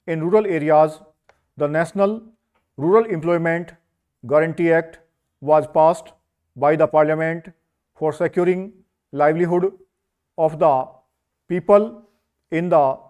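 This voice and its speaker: A man reads a script as slow school dictation, in short measured phrases with pauses between them. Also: on the high side, a little mellow, clean tone. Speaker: dictation reader for a stenography skill test.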